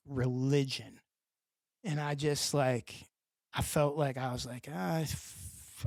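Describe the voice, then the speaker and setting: Pittsburgh man, gravelly and dry-miked, animated profane storyteller. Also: on the high side, no room sound. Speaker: podcast guest. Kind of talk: casual storytelling.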